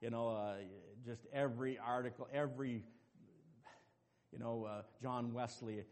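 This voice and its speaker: A pastor preaches a sermon, dropping to quiet asides and then rising to loud, emphatic calls to the congregation. His voice is mid-range and steady at a measured pace. The recording has long reverb, with faint music behind him.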